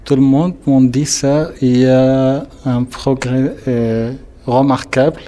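A man from Syria, a student, speaking haltingly in an interview and searching for words. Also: mid-range voice, steady tone, dark tone, slight background noise.

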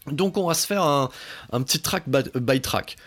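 A man hosting a podcast, giving a casual, excitable album review full of swearing, fillers and restarts. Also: medium pitch, normal speed, breathy edge, faint music behind.

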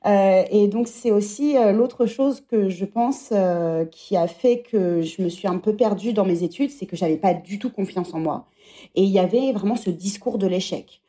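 Reflecting aloud during a conversational podcast interview, a former teacher in her thirties speaks at a normal pace. Her voice is mellow and sits in the mid-range.

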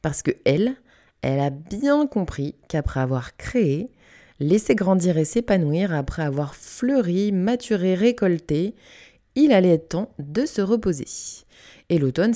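Low, mellow-voiced woman hosting a podcast. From Canada. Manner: candid, chatty, swears casually, trails off with fillers. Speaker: podcast host. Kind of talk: unedited reflective podcast monologue.

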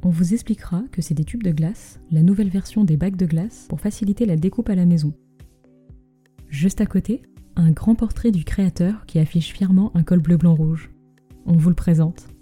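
A woman's voice: on the low side, mellow. A woman narrating a scripted story as a podcast host, speaking close and intimately into the microphone.

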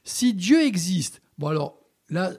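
High-voiced jovial male radio host. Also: big pitch swings, slow pace, a little mellow, husky. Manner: jovial, laughs often, chatty asides. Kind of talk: radio interview with a questionnaire.

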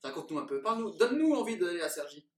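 A man's voice: high voice, very animated, rapid-fire, reverberant. A man hosting a casual chat, asking questions and bantering in a teasing, mock-solemn way.

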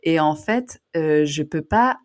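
A woman's voice: deep voice, animated, slow. Hesitant woman from northern France. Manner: hesitant, many fillers and restarts. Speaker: podcast co-host. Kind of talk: casual chat.

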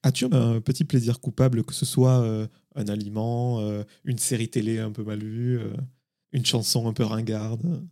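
A man interviewing a guest, asking questions in a relaxed, informal way. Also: mid-range voice, moderate pace. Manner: relaxed, informal, hesitant fillers.

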